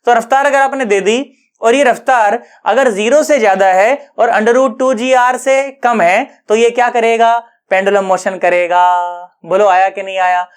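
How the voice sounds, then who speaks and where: A man's voice: very high-pitched, measured pace, clear, resonant tone. Coaxing, joking male physics teacher. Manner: lively, coaxing, keeps asking students if they got it; colloquial and joking, mixes English physics terms. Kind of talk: online physics lesson.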